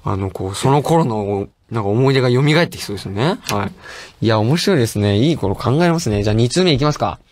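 A man's voice: mid-range voice, expressive, quick pace, darkish tone. Playful chatty male radio host. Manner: playful, chatty, laughs often. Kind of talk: casual radio talk reading listener mail.

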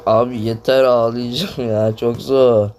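A young man commenting on his own gameplay, groaning, swearing and complaining loudly as he plays. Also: medium pitch, little pitch movement, unhurried. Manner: frustrated, swearing, groaning, yelping. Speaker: gaming YouTuber.

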